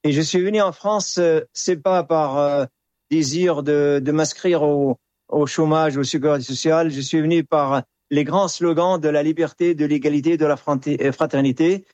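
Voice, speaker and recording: A man's voice: a little high, steady tone, normal speed, darkish tone, dry recording, muffled recording. A man from Syria giving a hesitant, earnest testimony as a radio guest, restarting his words often. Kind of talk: phone or studio interview testimony.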